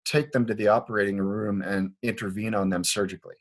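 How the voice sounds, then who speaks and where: The Liberian podiatrist, interviewed at a clinic in Portland, Oregon, talks earnestly about his views, often starting over mid-thought. He speaks fast, in a lowish voice with a steady tone.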